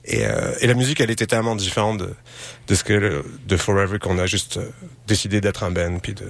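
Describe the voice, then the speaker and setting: Male band member, fairly low pitch, relaxed informal phrasing for interview answers. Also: fast talker, vocal fry. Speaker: musician, interview guest. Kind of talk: casual interview chat.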